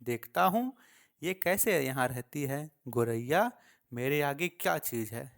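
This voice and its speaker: A man's voice: medium pitch, lively intonation, a little slow, creaky. A man reading the lines of a hot-tempered father who snaps in anger. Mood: angry. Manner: angry, snapping. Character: hot-tempered, irritable middle-aged father.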